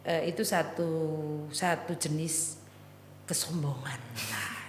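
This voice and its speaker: A woman's voice: sits low, lively intonation, slow, a little hiss or hum. A woman, a guest talking in a casual, playful, joking way, slipping into local phrases. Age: 40s. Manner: playful, jokey, drops into Javanese phrases. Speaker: guest artisan. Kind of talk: casual podcast chat. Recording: echoey room with long reverb and faint ambience.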